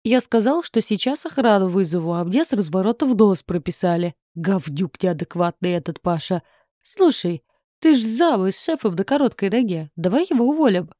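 A woman's voice: medium pitch, expressive, normal speed, dark tone, no room sound, studio quality, natural voice. A woman voicing a blunt, grumbling young office worker in an audiobook. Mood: indignant. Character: brash young male office worker, nasal. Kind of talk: audiobook reading.

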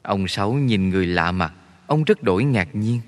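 A man narrating a story in a steady, measured way. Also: on the low side. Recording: long reverb.

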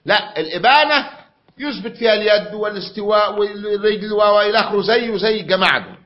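Talking fast in a high register, a man with an Egyptian Arabic accent gives a lecture-room class where he keeps repeating himself and firing questions at students. The recording is dull and lo-fi.

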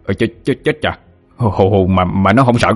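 Man doing a gruff ghost general. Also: low-pitched, moderate pace, soft background music. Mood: mock-dismayed.

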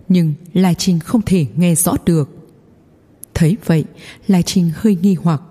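Mellow, husky woman narrating with reverb. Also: lowish voice. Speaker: audiobook narrator. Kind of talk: scripted fantasy story narration. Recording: long hall reverb.

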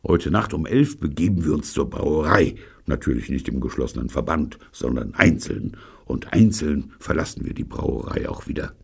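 A man voicing a bold young gang chief who gives brisk orders. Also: a bass voice, gravelly, breathy edge, exaggerated voice. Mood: commanding. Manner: brisk, commanding. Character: bold boy gang chief, self-assured schemer.

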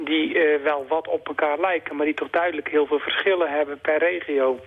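A bookseller gives a radio interview over the telephone, and the line sounds tinny. His voice is fairly high and steady in tone, fairly quick, yet he talks hesitantly with many fillers and restarts.

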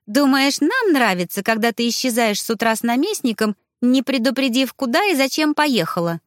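Woman playing an excitable pouty young friend, storybook, raised pitch. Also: very slow, dry recording, studio quality, full character voice.

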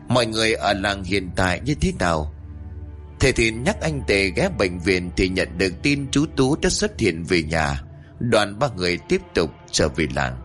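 Low-voiced guy telling a story, really expressive, faint music behind. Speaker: narrator. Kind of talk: storybook narration.

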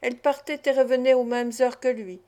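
A woman narrating a classic novel as an audiobook, in a measured, even reading. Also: high-pitched.

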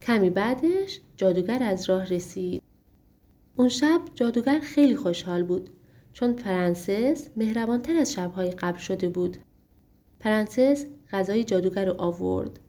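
A woman narrating a storybook audiobook in a steady, expressive way. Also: mid-range voice.

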